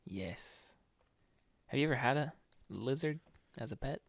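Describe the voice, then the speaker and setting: A man's voice: mid-range voice, animated, unhurried, vocal fry, dry recording. A man co-hosting a casual podcast, rambling through stories with lots of fillers and frequent laughter. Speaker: podcast co-host.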